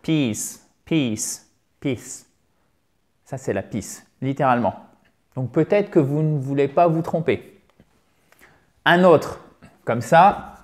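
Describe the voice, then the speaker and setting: In an online English pronunciation lesson, a man with a fairly high, expressive voice playfully draws out vowel sounds to show them and often checks in with his listeners. He speaks unhurriedly, pausing often.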